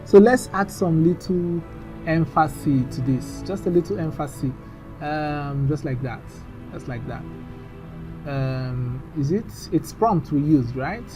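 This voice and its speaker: A man's voice: a little high, takes it slowly, over music. A man talking through a screen-recorded design tutorial in a chatty, instructive way, often trailing off into mumbles.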